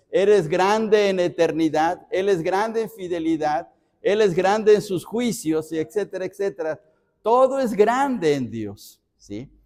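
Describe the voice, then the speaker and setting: A man's voice: high-pitched, dark tone, big-room sound. A male pastor leading a Bible study, explaining step by step and repeating phrases for emphasis. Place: church.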